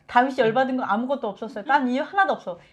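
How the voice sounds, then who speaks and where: A woman giving a conversational Bible teaching, lively and acting out quotes from scripture. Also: high voice, very fast. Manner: animated, acts out biblical quotes.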